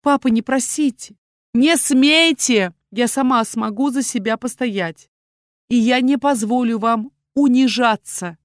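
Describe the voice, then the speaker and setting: A woman's voice: medium pitch, moderate pace, a little mellow, no room sound, natural voice. A woman voicing a proud young woman who angrily defends her parents before a dragon lord, in a dry audiobook reading. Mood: furious. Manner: indignant, proud, raised voice.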